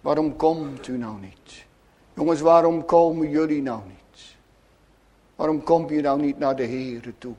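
A man preaching a sermon, swinging between loud urgent pleading and soft hushed asides. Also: fairly high pitch. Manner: slow, deliberate preaching. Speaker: pastor.

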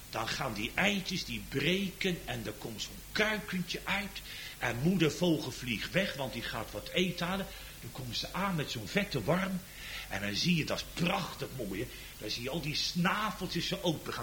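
A man preaching a sermon in a church, swelling to loud emphatic cries and dropping to near whispers, asking the congregation direct questions. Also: medium pitch, slight background noise. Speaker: pastor.

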